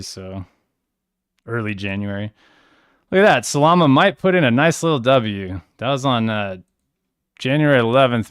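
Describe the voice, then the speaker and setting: A man's voice: mid-range voice, fairly bright tone, smooth, no room sound, studio quality. A man hosting a crypto trading livestream, casually walking through charts in a rambling, self-correcting way. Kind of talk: casual screen-share walkthrough.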